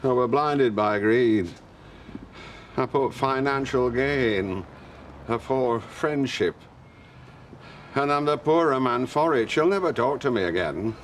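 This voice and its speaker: A man's voice: medium pitch, lively intonation, slow, long pauses, slight background noise. An actor playing a pompous, self-dramatising older man with a northern English accent and florid phrasing in a TV soap. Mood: remorseful. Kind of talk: TV soap dialogue.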